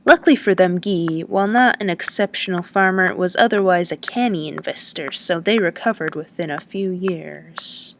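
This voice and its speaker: A woman's voice: lowish voice, normal speed, few pauses, a little hiss or hum, close to an everyday voice. A woman reading the lines of a chatty, teasing male lodging-house keeper who rambles in a folksy way.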